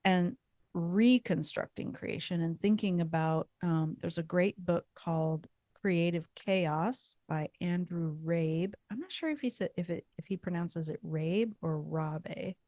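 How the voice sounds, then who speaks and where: A woman co-hosting a faith podcast, talking in a thoughtful, meandering way with fillers and soft laughs. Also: lowish voice, unhurried, no echo, clean studio sound. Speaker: podcast co-host. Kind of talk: casual faith podcast chat.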